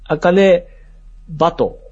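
A man's voice: on the high side, takes it slowly, darkish tone. A man with a Kansai accent chatting casually as co-host, politely deferring with frequent short agreeing replies. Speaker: talk show co-host. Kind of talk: casual chat. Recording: dull, dry lo-fi recording.

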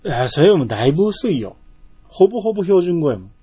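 A man's voice: fairly high pitch, fast, breathy edge, dry recording. A man co-hosting a podcast in casual, teasing banter. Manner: relaxed, teasing banter with frequent laughs. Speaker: podcast co-host. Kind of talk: casual chat.

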